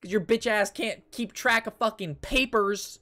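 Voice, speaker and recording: Sharp in tone and pitched high, this young game streamer keeps a measured pace as he tells ranting, casual stories to his chat during a card game. He curses freely and sounds exasperated, repeating phrases over and over.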